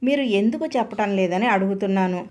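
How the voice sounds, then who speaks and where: A woman's voice: medium pitch, brisk, a little mellow, close to an everyday voice. Lady reading as an older mom, hurt but firm, earnest scolding, medium voice. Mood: pained, reproachful. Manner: earnest, reproachful. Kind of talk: audiobook story reading.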